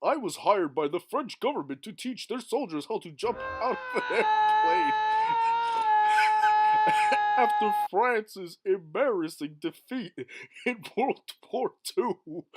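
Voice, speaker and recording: A man's voice: high-pitched, heavily acted. A man voicing a dopey, cheerful cartoon dog who rambles through silly stories.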